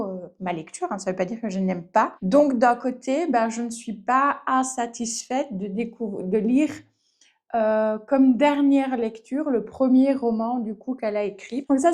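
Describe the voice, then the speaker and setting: A woman's voice: on the high side, darkish tone. A woman from France chatting casually in her vlog, full of fillers and self-mocking laughs. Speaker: vlogger.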